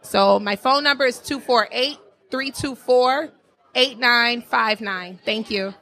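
A woman pitching property deals at a meeting, running through listing details and fixing small slips. Her voice is bright and a little high. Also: slow. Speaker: real estate seller pitching properties. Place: crowded meeting room.

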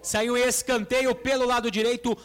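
A man's voice: very high-pitched, little pitch movement, normal speed, a bit bright. A Brazilian man giving descriptive football match commentary as a radio reporter. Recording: radio broadcast with faint music. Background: faint music.

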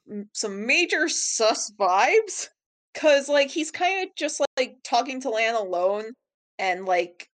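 A woman co-hosting a podcast, recapping an anime in casual chat, laughing often and filling her talk with fillers and restarts. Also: on the high side. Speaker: podcast co-host.

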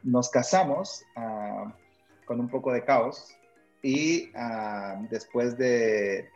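Here a Honduran-raised missionary and pastor in his thirties casually recounts his life, chatty and quick to laugh, with frequent "ah" fillers. He speaks in a mid-range, slightly mellow voice, drawing out his words, over soft background music on a lo-fi recording.

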